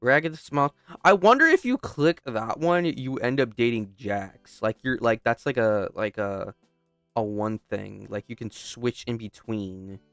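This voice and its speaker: A man's voice: medium pitch, unhurried, fairly bright tone, clear, resonant tone, no echo, studio quality, faint music behind. Young man narrating a game playthrough. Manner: reads aloud, breaks off to joke and restart lines. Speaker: gamer. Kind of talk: casual let's-play narration.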